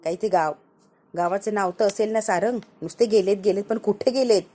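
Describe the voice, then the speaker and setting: A woman's voice: mid-range voice, fairly quick, dark tone. A woman retelling a TV serial episode and speaking the characters' lines in turn. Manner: shifts into quoted dialogue in plain Marathi. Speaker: serial episode recap narrator.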